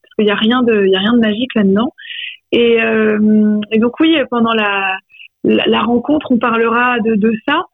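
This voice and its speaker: A woman's voice: fairly high pitch, normal speed, no echo. A woman author, heard over a landline phone line, talking reflectively about her poetry in a radio interview. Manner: reflective, searching for words. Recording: tinny, dry phone line.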